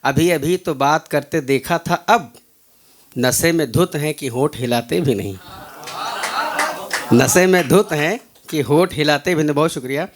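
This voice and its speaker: A guest poet with a Hindi accent reciting shayari at an open mic, repeating each line. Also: male voice, a little high, measured pace. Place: open mic event venue.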